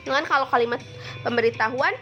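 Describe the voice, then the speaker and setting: A woman's voice: high-pitched, steady tone, quick pace, sharp tone, highs cut off, soft background music. A woman teacher giving a patient lesson to second graders, explaining step by step with frequent fillers.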